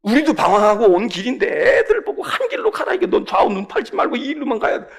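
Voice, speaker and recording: Brief: animated male pastor preaching, high and gravelly, heavy on rhetorical questions. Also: fast. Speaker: senior pastor. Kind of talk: sermon.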